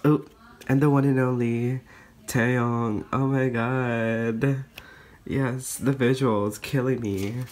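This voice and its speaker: A young man vlogging an unboxing in a casual chat, gushing and excitable, often squealing. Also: mid-range voice, slow pace.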